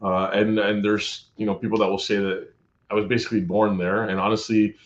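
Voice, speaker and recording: A man from Canada with a fairly low voice, talking as a podcast guest in a loose, rambling way. He keeps circling back and restarting his sentences, and the recording has a muffled, lo-fi edge. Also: little pitch movement, a little fast. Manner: rambling, many restarts and fillers. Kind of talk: casual conversation. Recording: dull lo-fi sound.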